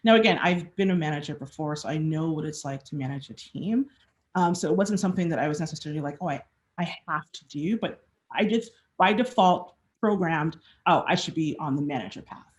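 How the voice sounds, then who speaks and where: Woman talking career stuff at a meetup, frank and relaxed, lots of ums, acts out little quotes. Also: low-pitched, fairly quick. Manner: relaxed and frank, with frequent fillers and restarts; acts out quoted questions to herself and others. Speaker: speaker at a design meetup. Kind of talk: conversational presentation talk.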